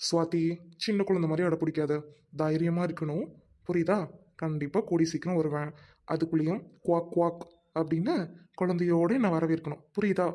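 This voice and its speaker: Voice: mid-range voice, fairly even intonation, fairly quick, warm tone, close to an everyday voice. A performer playing a teasing, reassuring young husband who is about to leave home for duty, in a comic family skit.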